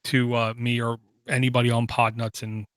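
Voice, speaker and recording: Smooth flat-voiced man hosting a podcast. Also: mid-range voice, normal speed, dry recording, studio quality. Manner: steady, many "uh" fillers, reads out contact details. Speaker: podcast host. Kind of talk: casual sign-off chat.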